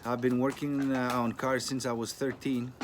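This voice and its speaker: A man in his thirties from Greece with a Greek accent, talking casually to camera as a channel host in plain-spoken, unhurried English with non-native phrasing. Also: medium pitch, level tone. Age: 30s. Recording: noisy with clicking sounds.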